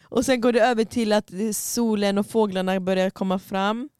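A woman's voice: medium pitch, clean tone, dry recording, studio quality. A young woman co-hosting a podcast in casual chat, acting out the lines of people in her stories. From Tunisia. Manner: animated storyteller, acts out quoted dialogue. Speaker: podcast co-host.

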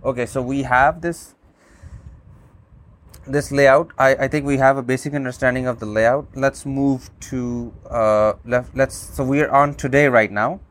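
A man whose native language is Urdu calmly demonstrates a phone app as an app reviewer, speaking a little slowly in a mid-range voice. His delivery is full of fillers and restarts.

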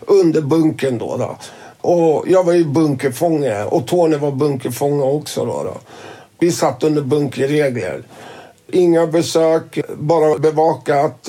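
An interviewee with a slightly high, warm voice tells his story casually. He swears freely and acts out who said what.

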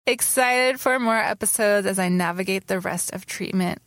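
A woman's voice: medium pitch, normal speed, a bit bright, no echo. A woman co-hosting a casual podcast, reading listener letters aloud with frequent laughs and blunt, swearing asides. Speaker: podcast co-host.

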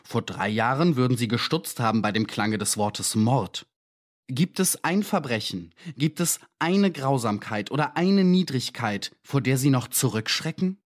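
A man voicing a calm, uncanny male visitor who speaks in measured, coolly accusing tones in an audiobook reading. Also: medium pitch, close to an everyday voice.

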